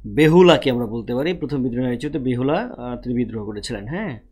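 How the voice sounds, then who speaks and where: A man's voice: mid-range voice, expressive, darkish tone, slightly rough. A male teacher from Bangladesh, giving an online lecture and often asking a question and answering it himself. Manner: repeats questions and answers them himself, spells out syllables slowly. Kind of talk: online lecture on Bengali prosody.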